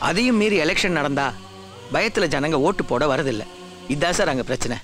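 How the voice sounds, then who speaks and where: Earnest official, animated explanatory delivery, faint score. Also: male voice, a little high, fairly quick, soft background music. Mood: explaining. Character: serious male official briefing a superior.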